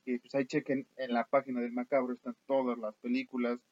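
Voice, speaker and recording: A man's voice: mid-range voice, flat delivery, fairly quick, dry recording. A man with a Mexican accent co-hosting a casual horror film podcast, listing titles with fillers and frequent laughs. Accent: Mexican Spanish. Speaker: podcast co-host. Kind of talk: casual chat about horror films. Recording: dull dry lo-fi audio.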